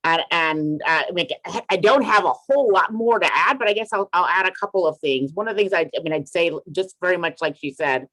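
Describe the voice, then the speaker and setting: A man's voice: high voice, expressive, a little fast, hardly any pauses, pushed and bright, rough recording. A man who is a law school dean, answering on a video panel and starting hesitantly with many restarts and "I mean".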